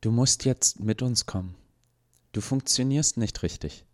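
A man's voice: mid-range voice, a little slow, pitched above the performer's own voice, close to an everyday voice. A man voicing a brusque, sarcastic woman professor who speaks in a clipped, commanding way.

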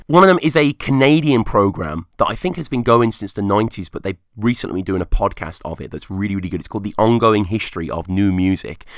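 A man hosting a music podcast solo, rambling casually and enthusiastically in a rusty, croaky, hungover voice. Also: fairly low pitch, a bit bright, no echo, clean studio sound. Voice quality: rusty, hoarse voice. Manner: enthusiastic, informal.

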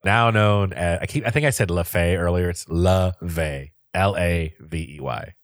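A man's voice: low voice, lively intonation, normal speed, no room sound, clean studio sound. A young man hosting a casual podcast chat, rambling with lots of fillers and frequent laughter. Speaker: podcast host.

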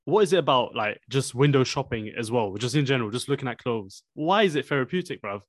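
A man's voice: mid-range voice, lively intonation, fast talker, dry recording. Young guy w roadman n slang, chatting on a podcast, dry sound. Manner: roadman-style London slang. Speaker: podcast co-host. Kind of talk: casual chat.

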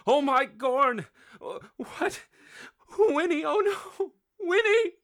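A man's voice: big pitch swings, slow pace, fairly bright tone, full character voice. A man voicing a small, grieving male halfling who sobs and vows revenge. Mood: sobbing grief. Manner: wailing, high-pitched sobs. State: crying.

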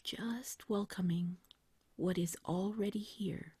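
A woman guiding a meditation like a sleep story narrator, in a soft, whispery, breathy voice with a gentle, soothing, unhurried manner. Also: mid-range voice, dry recording. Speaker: meditation guide.

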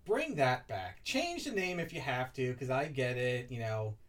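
Super deep-voiced woman cohost, dry crude jokes, sits back from the mic. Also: sing-song, measured pace, recorded from a distance. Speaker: podcast co-host. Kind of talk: casual chat.

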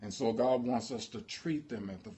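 A man's voice: mid-range voice, moderate pace, dark tone, a little hiss or hum. A man preaching a sermon as pastor, impassioned and drawing call-and-response from the congregation.

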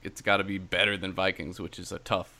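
Casual podcast guy, kinda low voice, chatty and rambly, keeps cutting himself off. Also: little pitch movement, fairly quick, bright, forceful tone. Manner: rambling, laughs often, many restarts. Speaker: podcast co-host. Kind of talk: casual banter.

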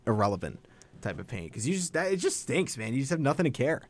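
Young male sports radio host, easygoing, dry close studio sound, medium pitch. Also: fast, dry recording. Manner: relaxed, laid-back, says "man" and "dude" often. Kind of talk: casual sports talk.

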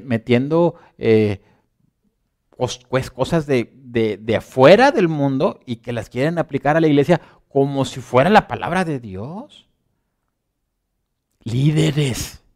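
A man preaching a sermon in a conversational way, often asking listeners whether they follow, and swinging between loud emphasis and quiet asides. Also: medium pitch. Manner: conversational, asks listeners for agreement.

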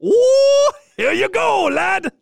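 A man's voice: extremely high pitch, very animated, takes it slowly, creaky, pitched above the performer's own voice, heavily acted. A man voicing a child who talks in a put-on pirate voice. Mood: jolly. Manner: growly pirate talk.

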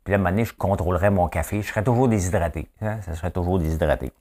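A man's voice: low voice, racing, darkish tone. A man in his fifties with a Quebec French accent, hosting in a chatty, joking way and asking his audience questions. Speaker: host. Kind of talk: casual chat presenting trivia.

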